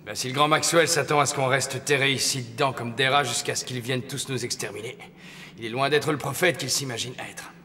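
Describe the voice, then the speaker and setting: A fast-talking sardonic cop. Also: male voice, mid-range voice, fairly even intonation, sharp tone, long reverb tail, a little hiss or hum. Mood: determined. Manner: sarcastic, brisk, assertive. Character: sardonic, stubborn male police officer taking charge. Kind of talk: dubbed film drama dialogue.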